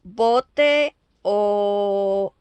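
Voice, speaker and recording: Woman teaching phonics real slow, sounds each letter over and over, smooth clear voice, dry close sound. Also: mid-range voice, a little mellow, dry recording. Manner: says each sound slowly several times, mixing in English words. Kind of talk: slow step-by-step lesson with sound drills.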